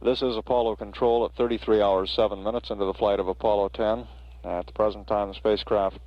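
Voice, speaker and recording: Male mission announcer, gravelly and flat, halting factual delivery on a dull archival feed. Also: fairly low pitch. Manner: measured, hesitant official delivery. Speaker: mission control public affairs announcer. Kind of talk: halting factual status report.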